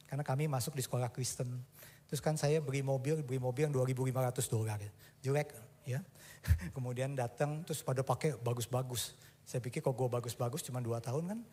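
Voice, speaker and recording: A man preaching a sermon, telling personal stories and mixing English phrases into his talk, swinging between loud bursts and quiet asides. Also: medium pitch. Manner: tells personal stories with acted dialogue.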